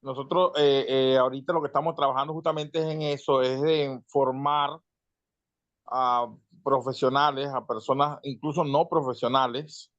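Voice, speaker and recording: A man from Venezuela giving an earnest, measured comment in an online panel, pausing with fillers. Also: medium pitch, steady tone, fairly bright tone, no room sound. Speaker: audience member asking. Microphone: video call. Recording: dull lo-fi video call audio.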